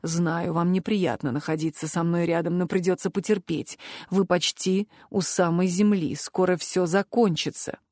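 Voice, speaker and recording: A woman voicing a cold, sarcastic male academy curator in an audiobook, speaking in low, measured, clipped commands. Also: darkish tone, dry recording, clean studio sound, lightly acted. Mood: hoarse quiet. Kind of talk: audiobook character voice.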